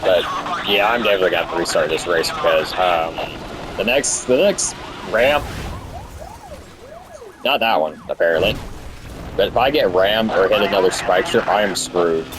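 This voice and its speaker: A young man with a low-pitched voice talks casually as he plays a game. He sounds like a stoner, rambling and losing his thread, and he drops swear words freely. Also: normal speed, pauses often. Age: young adult. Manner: stoned, rambling and easily sidetracked. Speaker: gamer recording commentary. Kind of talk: casual gameplay commentary.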